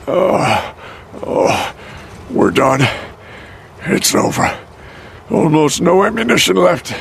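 Slow and gravelly, a man playing a bleeding frontier leader speaks in a raised, strained voice. He sounds beaten, with music playing underneath. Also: a little high, very animated, voice pushed up, full character voice. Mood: despairing. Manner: gloomy, defeated. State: wounded, strained. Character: wounded, despairing male settlement leader.

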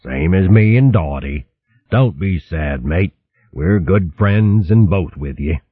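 A man's voice: low voice, expressive, slow, husky, no echo, exaggerated voice. A man voicing a cheery, sturdy male otter who drops his h's and uses sailor slang. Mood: friendly. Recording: thin phone-like dry sound.

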